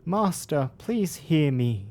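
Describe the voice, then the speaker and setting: Man playing a forlorn bottled spirit, pleading slowly. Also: on the high side, sing-song, darkish tone, voice pushed up. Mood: mournful, pleading. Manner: slow, mournful, archaic pleading. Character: forlorn, abandoned captive spirit in a bottle, begging its master.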